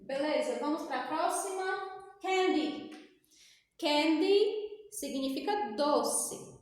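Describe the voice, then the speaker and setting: A Brazilian woman English teacher with a Brazilian Portuguese accent, explaining a lesson step by step and answering her own questions. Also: sits high. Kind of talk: recorded classroom lesson for sixth graders. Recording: very echoey, reverberant room.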